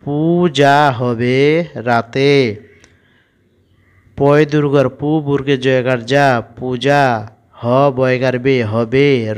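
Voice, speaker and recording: Guy teaching kids to read, really slow and patient, smooth clear voice. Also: medium pitch. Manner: slow, patient, spells words letter by letter. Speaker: primary school teacher. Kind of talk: spelling-out reading lesson for children.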